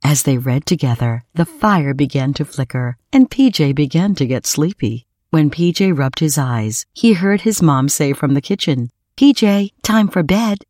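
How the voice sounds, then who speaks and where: Low-voiced woman reading a bedtime story. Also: animated, moderate pace, few pauses, dark tone, dry recording, studio quality.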